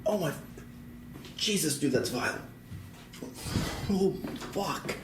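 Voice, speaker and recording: A man's voice: a little high, animated, takes it slowly. A young man playing a jumpy, swearing student explorer in found footage horror, muttering and exclaiming breathily, recorded at a distance. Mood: disgusted. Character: young male student urban explorer, jumpy and foul-mouthed. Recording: echoey, noisy handheld camera footage, distant.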